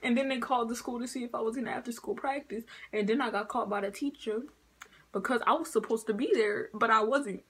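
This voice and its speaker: Animated husky young woman telling a story. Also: fairly high pitch, fairly quick. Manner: animated, acts out quoted voices, swings between loud and hushed. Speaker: vlogger. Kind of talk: storytime vlog.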